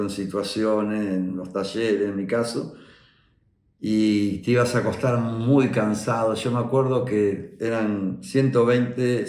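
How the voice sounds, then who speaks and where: An Argentine man in his sixties recalls his soldier days, his voice sitting fairly low. He speaks in an unhurried, reflective way, pausing on fillers. The recording is roomy, with a noticeable echo. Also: a little mellow. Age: 60s. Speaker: war veteran telling his story to his son. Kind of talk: personal reminiscence.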